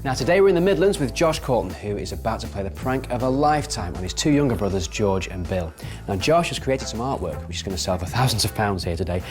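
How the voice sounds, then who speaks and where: A man's voice: on the low side, in a large hall. A man hosting a TV prank show, chatty and jokey as he presents to camera.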